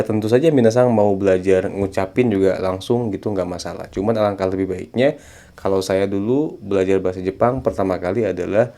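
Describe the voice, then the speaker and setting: A man giving a casual video language lesson, chatty and friendly, slowing down to spell out sounds syllable by syllable. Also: deep voice, dark tone. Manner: chatty, repeats a friendly term of address, slows down to spell out sounds. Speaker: Japanese language teacher.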